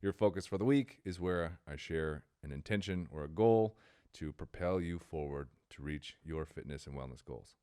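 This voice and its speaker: A man's voice: rumbling low, moderate pace, warm tone, smooth. A man hosting a fitness podcast, reading an upbeat intro and then chatting with a guest. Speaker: podcast host. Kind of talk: podcast interview.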